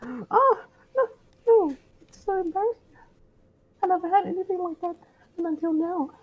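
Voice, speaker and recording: A woman voicing a flustered young woman in a squeaky, cartoonish mouse-like voice, breathless and stammering, in an amateur comedic reading on a muffled, lo-fi recording. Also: animated, moderate pace.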